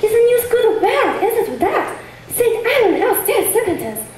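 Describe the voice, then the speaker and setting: A young woman plays an impatient young girl in love, pressing for news with eager pleading. Her voice is high. It sounds far from the mic in a very echoey hall, with music underneath. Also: a little slow, warm tone, slight background noise. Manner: eager, pleading stage delivery. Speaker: student actor. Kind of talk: stage play acting. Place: stage in a large hall.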